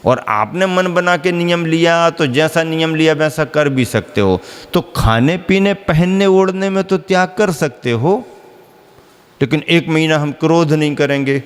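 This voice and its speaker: Man preaching a sermon, slow and measured, smooth clear voice, repeats himself, asks then answers. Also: fairly high pitch, big-room sound. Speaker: Jain monk preacher.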